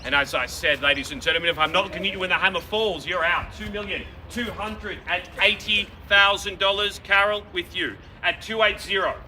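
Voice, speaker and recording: A man's voice: high-pitched, a little fast, few pauses, pushed and bright. A man working as a property auctioneer, calling bids outdoors to a crowd in a projected, emphatic and repetitive way. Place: outdoors in a residential street. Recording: distant mic, noisy street with vehicles.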